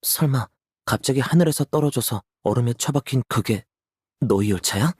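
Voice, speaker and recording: An actor playing a steady young male hunter in a video game, calm, cautious and matter-of-fact. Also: medium pitch, moderate pace, slightly rough, dry recording, studio quality, close to an everyday voice. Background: game music.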